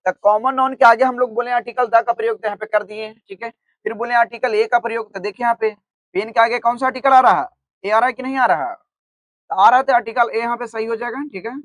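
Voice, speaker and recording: High-voiced man teaching grammar. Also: fairly even intonation, fairly bright tone, no room sound. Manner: repeats "theek hai" often, asks and answers his own questions; spells words out slowly while writing on the board. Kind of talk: online grammar lesson.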